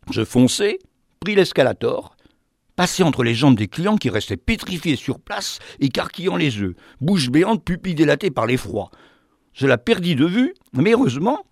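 A man telling a fantastic tale in an expressive, theatrical way. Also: mid-range voice, no echo, clean studio sound. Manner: animated, theatrical. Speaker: storyteller.

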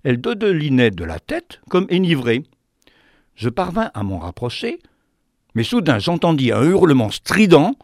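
A man telling a fantastic tale in an expressive, theatrical way. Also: on the high side, moderate pace, no room sound, clean studio sound. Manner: animated, theatrical. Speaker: storyteller.

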